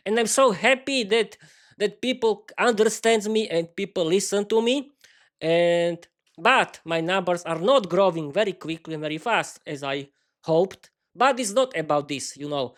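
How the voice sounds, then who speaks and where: A Slovak man speaking non-native English, hosting an unscripted solo podcast, with halting phrasing, frequent restarts and fillers, and cheerful bursts of thanks to his listeners. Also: high voice, expressive, fairly bright tone. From East Slovakia. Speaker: podcast host.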